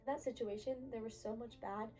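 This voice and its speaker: Chatty young woman, slightly high voice. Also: fairly even intonation, fast talker, dark tone, faint music behind, low-quality recording. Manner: chatty, filler-heavy, emphatic. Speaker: vlogger. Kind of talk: casual storytelling to camera.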